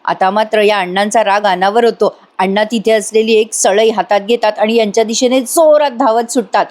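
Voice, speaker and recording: A woman's voice: mid-range voice, moderate pace, darkish tone. A woman giving a casual voice-over retelling of a TV serial episode, talking straight to the viewers. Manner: chatty, addresses viewers directly. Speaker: serial review voice-over narrator.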